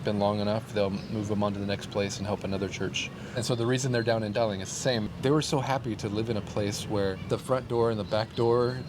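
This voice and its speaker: A man's voice: lowish voice, level tone, fast talker, hardly any pauses. Upbeat man telling stories outside. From Taiwan. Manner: rambling, upbeat, frequent fillers. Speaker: guest. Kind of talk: casual storytelling. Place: outdoors on a city street. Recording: outdoor street with traffic noise.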